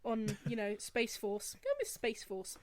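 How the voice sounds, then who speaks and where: A woman's voice: medium pitch, little pitch movement, unhurried, crowd noise. A woman introducing her character in a tabletop game, playful and correcting herself as she goes.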